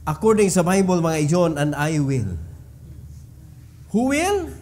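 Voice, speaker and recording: A Filipino pastor with a high voice delivers his sermon at an unhurried pace. He reads scripture with slow, deliberate emphasis and keeps turning to the congregation with questions, switching between Cebuano and English. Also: sing-song, darkish tone.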